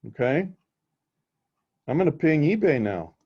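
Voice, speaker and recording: A man's voice: a little high, big pitch swings, a little slow, darkish tone, slightly rough. A man teaching a live technical class in a casual way, often checking that his students are following. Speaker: instructor. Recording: dull lo-fi recording.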